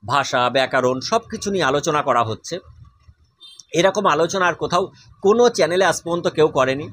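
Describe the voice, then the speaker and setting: A man's voice: on the high side, a little fast, fairly bright tone, a little hiss or hum. A man teaching a language lesson, patiently repeating and drawing out each vowel sound. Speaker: Sanskrit teacher. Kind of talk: spoken lesson on pronunciation.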